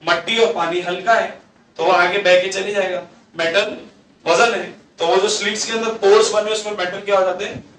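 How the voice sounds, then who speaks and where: A man's voice: high voice, fairly even intonation, brisk, a bit bright, recorded from a distance. A man teaching a classroom lecture, mixing Hindi with English terms and quizzing the class with questions he answers himself. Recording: echoey room, voice off-mic, faint hum.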